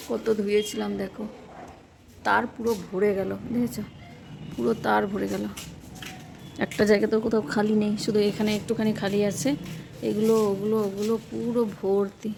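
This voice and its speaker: A woman's voice: mid-range voice, level tone, normal speed, creaky, pauses often, background noise. A woman chatting casually in a home vlog, explaining things as she shows them around her house. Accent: Bengali. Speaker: vlogger.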